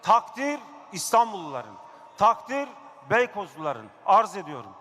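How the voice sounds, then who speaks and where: A man's voice: high-pitched, sing-song, a little slow, sharp tone. A district mayor speaking at a pulpit microphone in a council chamber, emphatic and repeating his key phrases. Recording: long hall reverb.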